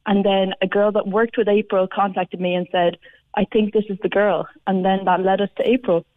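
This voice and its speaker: A woman's voice: mid-range voice, flat delivery, brisk. Young Irish female caller, casual storyteller, narrow phone-line sound. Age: young adult. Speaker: radio phone-in guest.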